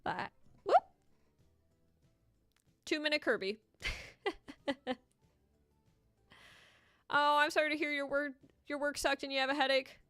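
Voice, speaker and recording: A woman's voice: high-pitched, fairly even intonation, slow, pauses often, fairly bright tone, dry recording. A woman hosting a casual livestream, chatting playfully to viewers and giving running commentary, with music behind her. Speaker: livestream host and Etch A Sketch artist.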